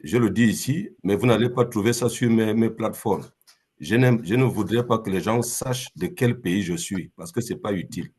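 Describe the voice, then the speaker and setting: With a lowish, darkish voice that has a breathy edge, this man from Gabon speaks at a normal speed. He's a company founder appearing on a Zoom call, making unprepared remarks with hesitations and repeated words.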